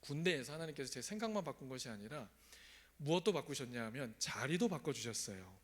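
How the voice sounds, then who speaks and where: A man's voice: mid-range voice, big pitch swings, fairly quick. A man preaching a sermon in a church, telling his own story and often asking the congregation questions. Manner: asks the congregation questions, conversational. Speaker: pastor. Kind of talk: sermon with personal testimony. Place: church sanctuary.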